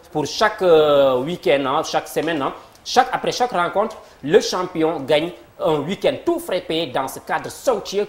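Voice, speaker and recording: A man with a Senegalese French accent hosting a TV quiz show, lively and full of fillers as he speaks to viewers. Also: on the high side. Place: TV studio. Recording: roomy studio with faint noise.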